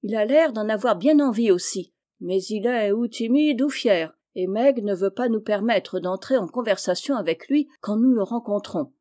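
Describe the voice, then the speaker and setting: A woman's voice: medium pitch, animated, normal speed, hardly any pauses, dark tone, lightly acted. A woman reading the part of a spirited teenage girl who speaks eagerly and decidedly.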